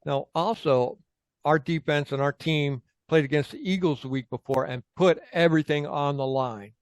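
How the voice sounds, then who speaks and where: A man's voice: fairly high pitch, normal speed, dry recording. A man co-hosting a casual sports podcast, swearing freely and venting as a frustrated fan. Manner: profane, heated, fan ranting. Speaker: co-host.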